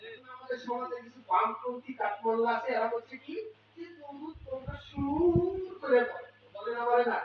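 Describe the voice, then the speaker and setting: A male preacher with a Bangladeshi Bengali accent giving a fiery sermon. He shouts rhetorical questions at the crowd and chants Arabic prayers melodically. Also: very high voice, fairly even intonation, moderate pace, slight background noise. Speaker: Islamic preacher. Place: religious gathering. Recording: echoey distant hall, lo-fi and dull.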